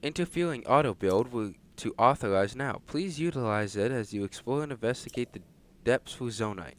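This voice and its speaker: A man's voice: medium pitch, animated, normal speed, a bit bright. Goofy man commenting on a game. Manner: goofy, self-deprecating, rambling. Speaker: gaming channel host. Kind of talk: casual gameplay commentary.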